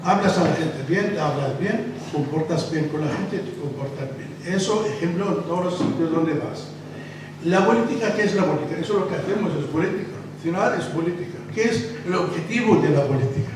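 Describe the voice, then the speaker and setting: This clip features a local election candidate, a Palestinian man, delivering an after-dinner speech inside a restaurant's dining hall. He has a somewhat high male voice and speaks haltingly, groping for words. The sound is distant, echoey, and noisy.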